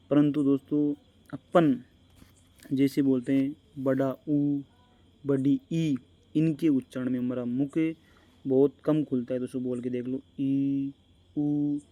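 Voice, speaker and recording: Flat, dark-voiced male grammar teacher. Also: mid-range voice, no echo. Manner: repetitive, keeps calling the class friends, asks and answers his own questions; stretches vowels slowly to demonstrate them. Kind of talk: exam-prep grammar lesson.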